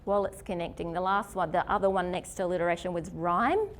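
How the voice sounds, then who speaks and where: A woman's voice: lowish voice, fast talker. Chatty woman teaching parents. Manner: chatty, asks the audience questions; lots of "okay?" and "isn't it?" checks. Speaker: literacy teacher. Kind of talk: informal workshop teaching.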